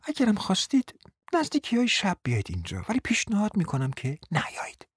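A woman acting a cunning, flattering mother in a radio play, coaxing and often dropping to a whisper. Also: mid-range voice, breathy edge. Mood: persuasive. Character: cunning, flattering provincial mother, persuasive and scheming. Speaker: scheming mother.

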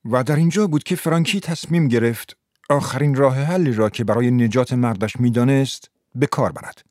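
A man narrating a literary story in a measured reading voice. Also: mid-range voice, a little mellow, no echo, clean studio sound.

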